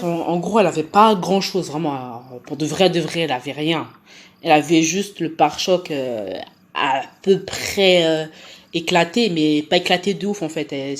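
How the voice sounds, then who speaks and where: A woman narrating a personal story in casual slang, chatty and full of fillers, hosting her own channel. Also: fairly low pitch. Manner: slangy, chatty, acts out dialogue.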